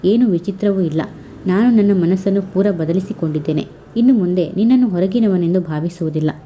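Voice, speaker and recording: Woman doing a shy devoted village girl, low soft voice. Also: brisk, a little hiss or hum, lightly acted. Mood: firm.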